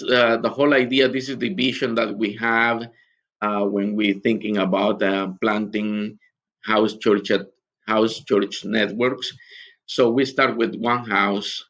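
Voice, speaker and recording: A man from Guatemala, a missionary giving a recorded conference teaching talk in an earnest, halting way with many pauses. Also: on the low side, fairly bright tone, highs cut off.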